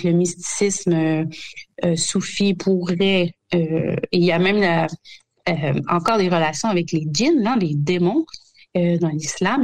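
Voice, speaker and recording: A woman's voice: fairly low pitch, a little mellow. A woman, a historian guest on a radio show, talking casually while sick with bronchitis, hesitant with many fillers and restarts.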